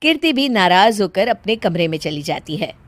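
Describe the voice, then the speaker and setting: A woman narrating a cartoon story in a calm, even storytelling manner. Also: mid-range voice, normal speed, no echo, clean studio sound.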